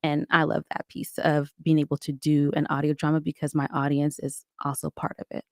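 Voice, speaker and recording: A woman who creates audio dramas appears as a guest on a conversational podcast, answering at length and explaining things in a talkative way. Her deep voice stays level and a little fast, recorded dry with clean studio sound.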